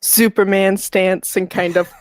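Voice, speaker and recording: Hesitant woman playing a tabletop game, unhurried. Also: mid-range voice, flat delivery, slight background noise. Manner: hesitant, halting. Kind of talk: casual role-play narration.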